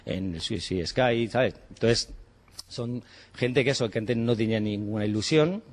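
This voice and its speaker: A man's voice: medium pitch, a little slow. A man in his forties from Spain, a chef and cooking teacher, talking casually and animatedly, acting out bits of dialogue and swearing in passing. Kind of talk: casual interview talk.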